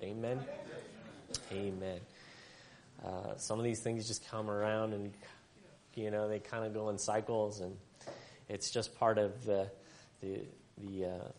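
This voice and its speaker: A man leading a church service, reading scripture and praying, his voice congested and stuffed up. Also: lowish voice. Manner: rambling prayer with repeated "Lord" and "Father". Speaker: church minister.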